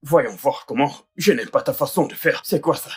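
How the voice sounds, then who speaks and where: A pushy, manipulative schemer who coaxes and badgers without letup. His voice is rough and raspy at an ordinary middle pitch. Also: normal speed. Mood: coaxing, pushy. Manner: wheedling and insistent, repeats his demand.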